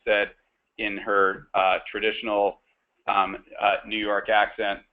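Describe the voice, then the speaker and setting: A man hosting a webinar panel discussion, speaking haltingly with many fillers and restarts. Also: on the low side, monotone. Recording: tinny phone-line audio.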